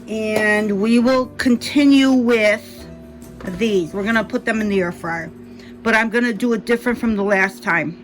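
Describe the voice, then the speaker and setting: A woman with a mild speech impediment talks through her cooking in a home kitchen at an unhurried, drawn-out pace. She chats to the viewer, thinks aloud and corrects herself mid-sentence. Faint music plays underneath. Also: medium pitch, rough recording. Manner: chatty, thinks aloud, self-correcting asides. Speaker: cooking vlogger. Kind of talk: casual kitchen narration while cooking.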